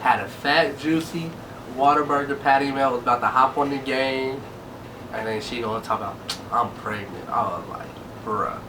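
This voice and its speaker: A twenty-year-old man talks in a laid-back, slangy way during a vlog Q&A, his voice at an ordinary pitch for a man. He sits some distance from the mic, with a clear layer of background noise around him. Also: moderate pace. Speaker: vlog co-host. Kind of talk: casual Q&A chat.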